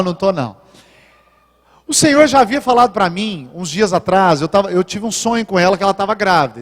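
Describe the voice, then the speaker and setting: A man with a Brazilian Portuguese accent, a pastor giving a live sermon in a church and telling personal stories while acting out the dialogue. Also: high-pitched. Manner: lively storytelling, acting out dialogue. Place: church hall. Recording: reverberant church hall.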